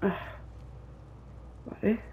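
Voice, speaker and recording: A man's voice: very slow, phone-quality sound, a little hiss or hum. A man with a Spain Spanish accent doing let's play commentary, talking to his game character and nervously pleading. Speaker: gaming youtuber.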